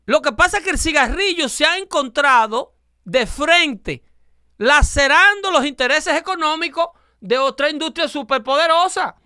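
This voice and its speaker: High, bright-voiced man lecturing emphatically. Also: expressive, normal speed, dry recording, clean studio sound. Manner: emphatic, lecturing, acts out dialogue. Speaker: show host. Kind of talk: opinionated talk show chat.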